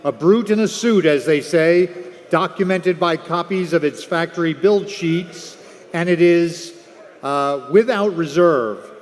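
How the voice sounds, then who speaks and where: A man's voice: fairly high pitch, a little slow. A man announcing auction lots, presenting each item with descriptive detail. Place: large auction room. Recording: echoey hall through PA.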